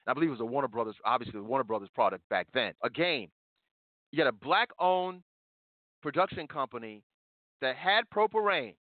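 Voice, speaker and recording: A man's voice: medium pitch, expressive, brisk, no echo. A man giving impassioned, rambling podcast commentary with frequent restarts, heard over a call-in phone line. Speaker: podcast co-host. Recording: tinny phone-line sound, dry.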